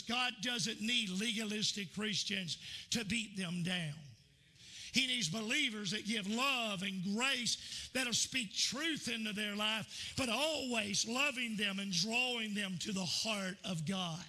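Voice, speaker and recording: A male pastor delivers a sermon in a church, speaking in a conversational way and asking his listeners questions. His voice sits high and sounds very bright and sharp. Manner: conversational preacher, asks the congregation questions.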